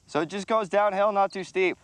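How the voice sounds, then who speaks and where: A man's voice: high voice, fairly even intonation, a little fast, slight background noise. A young man on a mountain trek giving short, offhand replies outdoors. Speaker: host's son on the trek.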